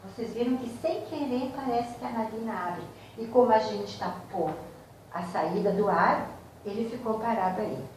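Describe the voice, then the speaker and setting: A woman teacher, giving a slow, explanatory grammar lesson and speaking directly to her students. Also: on the high side, darkish tone, recorded from a distance, slight background noise. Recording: very echoey room, voice from off mic.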